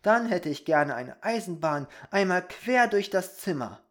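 A storybook reader voicing a small, wide-eyed boy who asks and wishes for things in an excited, eager way. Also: medium pitch, moderate pace, voice pushed up, lightly acted.

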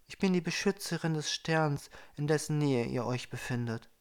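A man voicing a calm, gentle female spirit who guards a star, speaking in a soft, measured way. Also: on the high side, smooth, close to an everyday voice. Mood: serene.

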